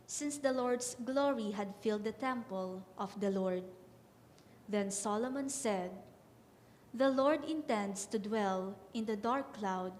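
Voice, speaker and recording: A woman's voice: medium pitch, darkish tone. A woman solemnly reading scripture and psalm as lector in a reverberant church. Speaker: lector at Mass. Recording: echoey church, clear background noise.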